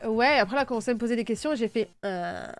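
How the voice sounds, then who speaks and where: A woman's voice: fairly high pitch, racing. A young woman telling her life story in a candid, sarcastic storytime monologue, laughing often.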